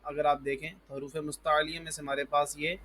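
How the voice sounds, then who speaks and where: Man teaching letters with drawn-out calls. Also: fairly high pitch, flat delivery. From Pakistan. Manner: says each letter slowly and loudly, then explains softly; patient, repeats "ji" and "parh lijiye". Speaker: Quran teacher. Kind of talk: alphabet lesson.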